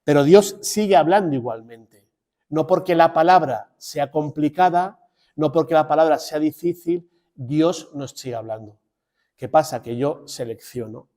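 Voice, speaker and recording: Man, parish priest, slightly high voice, conversational teaching, digressive asides. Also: measured pace, mellow. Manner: conversational and digressive, with restarts and direct asides to listeners. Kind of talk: parish formation talk.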